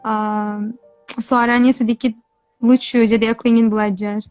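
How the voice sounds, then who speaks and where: A woman's voice: on the high side, little pitch movement, moderate pace, darkish tone, faint music behind, low-quality recording. A woman from Turkey with a Turkish accent, answering interview questions casually in a foreign learner's simple phrasing. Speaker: interview guest, language learner.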